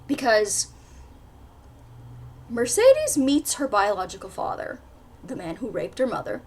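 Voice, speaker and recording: A woman's voice: fairly high pitch, wildly swooping pitch, measured pace, a little mellow, breathy edge. A woman book vlogger in casual chat, retelling a plot animatedly with lots of fillers.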